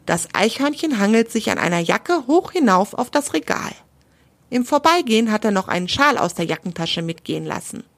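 A woman's voice: fairly high pitch, very animated, moderate pace, dry recording. A woman narrating a children's animal story, stopping to explain words to young listeners.

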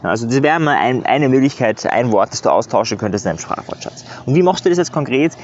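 A man's voice: mid-range voice, lively intonation, fast, slight background noise. Earnest man giving coaching tips. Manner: earnest, coaching, often says "ja". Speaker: self-improvement coach. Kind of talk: casual motivational monologue. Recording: slightly dull recording.

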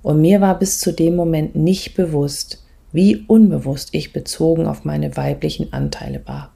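A woman speaks as a spiritual coach and meditation guide, measured and gentle, leaving pauses between phrases, with a husky voice that turns breathy at phrase ends. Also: low-pitched.

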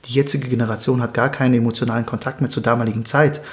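A young man from Germany, speaking as an interview guest in a thoughtful, measured way with occasional hesitations. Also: mid-range voice, steady tone. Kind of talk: earnest interview conversation.

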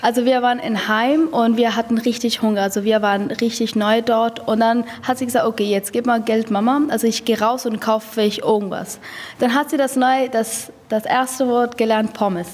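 Husky young woman, lively storyteller. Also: fairly high pitch, normal speed, long reverb tail. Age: young adult. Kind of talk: casual interview answers.

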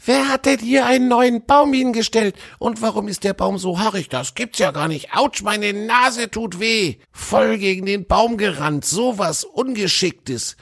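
A man voicing a small, cheeky, excitable boy squirrel in a storybook reading, with a squeaky, high, lively voice. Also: unhurried, creaky, few pauses, heavily acted. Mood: grumbling.

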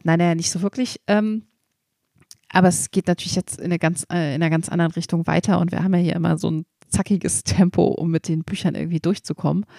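A woman's voice: on the low side, creaky, a little mellow, no room sound, clean studio sound. A woman hosting a podcast, talking casually in a chatty way with many fillers and restarts. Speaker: podcast host recommending children's books.

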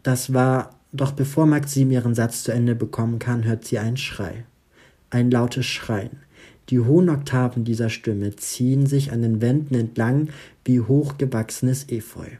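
A man's voice: medium pitch, mellow, slightly rough. A man narrating an audiobook in a dramatic storytelling manner. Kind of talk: audiobook reading.

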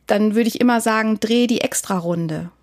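A woman's voice: a little high, moderate pace, dry recording, clean studio sound. A woman songwriter answering interview questions, explaining her craft thoughtfully and at length with examples. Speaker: songwriter and singer.

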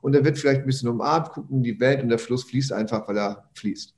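A man's voice: mid-range voice, a little fast, a little mellow, slight background noise. A man, a personal development trainer, talking animatedly in a casual podcast conversation, repeating words and swearing offhandedly.

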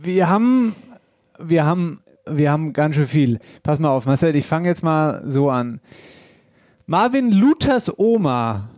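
A man hosting a casual dialect podcast, talking in a lively way and laughing often. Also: on the high side, no room sound, clean studio sound. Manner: lively, laughing, quick back-and-forth. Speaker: podcast host. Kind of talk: casual chat.

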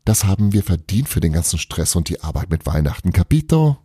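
A man's voice: low-pitched, big pitch swings, brisk, warm tone, slightly rough, dry recording, clean studio sound, heavily acted. A man reading a storybook aloud, voicing a cheeky girl who insists on her wild tales in a playful, teasing manner. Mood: insistent.

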